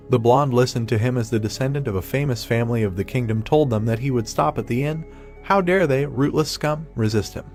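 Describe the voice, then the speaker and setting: A man giving a scripted narration of a comic's story as a recap narrator, in a steady storytelling manner. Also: mid-range voice.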